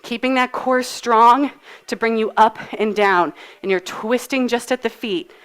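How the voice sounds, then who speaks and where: Speaking a little slowly in a fairly high, slightly bright, clean voice, a fitness instructor runs a live studio workout. She's winded as she exercises and cues each move and countdown, staying cheerful and supportive.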